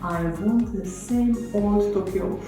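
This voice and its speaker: A woman giving her opinion in halting second-language English, often rephrasing as she goes. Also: medium pitch, dark tone. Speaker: interviewee. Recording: strongly echoey with music behind.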